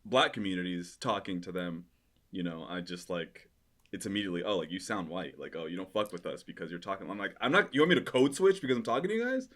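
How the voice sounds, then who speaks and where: A man whose first language is Spanish, speaking as a podcast guest in an articulate, measured way without slang. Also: sits low, expressive, a bit bright. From United States. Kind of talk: casual podcast chat.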